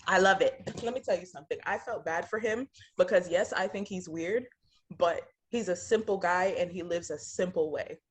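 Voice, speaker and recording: A woman's voice: lowish voice, moderate pace, slight background noise. A woman co-hosting a reality TV reaction show, talking in casual slang and laughing often.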